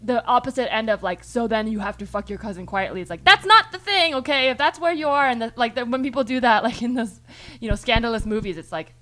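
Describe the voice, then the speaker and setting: Podcast host lady thinking out loud, lots of restarts, swears a bit. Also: a little high, quick pace. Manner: thinking aloud in long rambling turns with many restarts, sometimes swearing. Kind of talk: casual chat.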